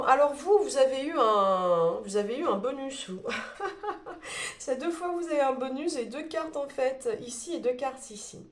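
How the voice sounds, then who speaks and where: A woman with a cold and a blocked nose giving a spoken tarot reading, searching for words with many fillers and restarts. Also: high voice. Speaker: tarot card reader. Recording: roomy echo.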